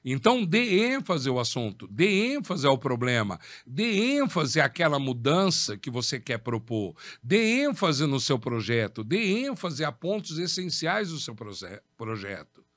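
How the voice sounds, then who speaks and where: A man's voice: fairly high pitch, big pitch swings, measured pace, few pauses, a bit bright, dry recording, clean studio sound. A man hosting a podcast, giving an instructive talk on public speaking, emphatic and repetitive, asking questions and answering them himself. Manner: emphatic, repeats key words, asks and answers his own questions. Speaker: podcast host.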